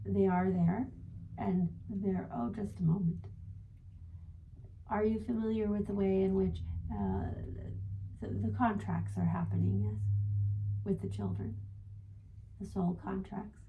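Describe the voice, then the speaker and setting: A woman channeling a gentle male spirit guide as a seance medium, speaking formally and ending phrases with a questioning "yes?". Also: medium pitch, fairly even intonation, measured pace, gravelly, pauses often, phone-quality sound, a little hiss or hum. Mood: gentle, assured. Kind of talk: spiritual guidance in trance channeling session.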